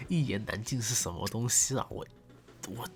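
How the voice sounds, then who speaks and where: A man's voice: mid-range voice, fairly bright tone. A young man hosting his channel, chatting casually to camera in a playful, teasing way and hamming up English words. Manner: playful, teasing, joking self-mockery, exaggerated English words. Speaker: channel host. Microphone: desk condenser mic.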